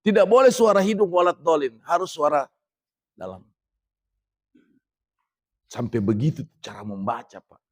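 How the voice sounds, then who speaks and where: Middle-aged Indonesian preacher, chatty mosque talk, slow careful Arabic recitation. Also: male voice, a little high. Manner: conversational, addresses listeners as Pak, recites Arabic slowly. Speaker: ustadz giving a mosque lecture. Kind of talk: religious lecture.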